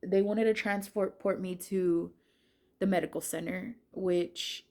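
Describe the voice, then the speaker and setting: A woman's voice: fairly low pitch, steady tone, takes it slowly, warm tone. A woman sharing a personal faith testimony, telling it earnestly and emotionally, often restarting her sentences.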